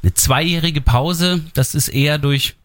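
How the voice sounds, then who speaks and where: A man's voice: fairly high pitch, unhurried, dry recording, studio quality. A man from northern Germany hosting a regional radio talk, asking chatty questions with fillers. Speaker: radio host. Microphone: studio microphone.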